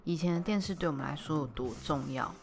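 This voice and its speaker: A woman podcast host, telling stories in a lively, teasing, dramatic way. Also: sits low, fast talker, vocal fry, faint music behind. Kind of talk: casual storytelling.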